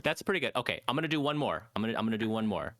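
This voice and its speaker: A man's voice: lowish voice, big pitch swings, very fast, a bit bright, slight background noise. A man hosting a casual comedy podcast, often laughing and restarting as he directs voice bits. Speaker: podcast host.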